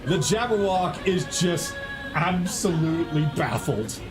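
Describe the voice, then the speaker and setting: A casual, foul-mouthed man narrating a tabletop game as its dungeon master. His voice sits fairly high and moves around a lot. Background music runs clearly under his talk. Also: animated, unhurried. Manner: casual, laughing, swears freely. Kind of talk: running a tabletop game over voice chat.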